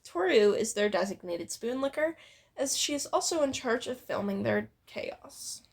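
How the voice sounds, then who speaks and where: Reading fan fiction alongside her co-host, a woman keeps the story playful and is quick to stop for a joke or a giggle. Her slightly rough voice sits a little high, with lively intonation and a moderate pace.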